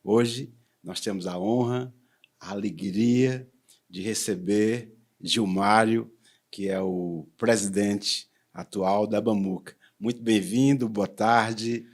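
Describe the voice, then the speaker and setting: A man from Pernambuco with a Pernambuco accent hosting a TV interview, speaking in a measured, formal way. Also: on the low side, fairly even intonation. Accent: Pernambuco Portuguese. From Arcoverde, Pernambuco, Brazil. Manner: measured, formal welcoming phrasing. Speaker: talk show host, poet.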